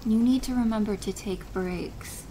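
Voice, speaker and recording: A woman playing a possessive, doting and controlling stepmother in an ASMR role-play drama, chiding in a deliberate, motherly way. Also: on the high side, close to an everyday voice. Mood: doting, concerned. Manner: slow, deliberate, softly chiding, maternal. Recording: noisy rain ambience behind voice. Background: rain.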